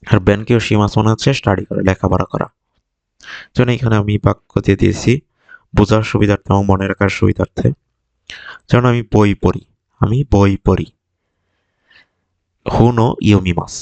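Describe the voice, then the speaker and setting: A man's voice: fairly low pitch, fairly even intonation, moderate pace, vocal fry, pauses often, darkish tone, no echo. A male language teacher whose first language is Bengali, patiently explaining vocabulary and repeating each word to drill it in. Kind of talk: vocabulary lesson, explaining words.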